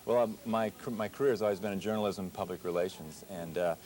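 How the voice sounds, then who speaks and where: A man interviewed about his ventriloquism hobby, answering quickly with many hesitations. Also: low-pitched, darkish tone.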